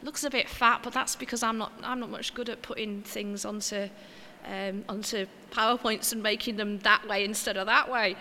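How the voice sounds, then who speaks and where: A woman's voice: mid-range voice, fairly even intonation, moderate pace, few pauses. Woman, informal sermon, chatty and homely, long church reverb, faint background hiss. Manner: chatty and homely, with gentle self-mocking asides. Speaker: preacher.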